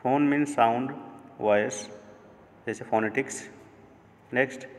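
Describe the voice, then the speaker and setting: A man teaching a grammar lesson on a video channel, breaking words into parts and explaining them in Hindi, slowly and deliberately. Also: medium pitch, steady tone, in a large hall. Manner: slow, deliberate, spelling out word parts and glossing them in Hindi. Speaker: English teacher.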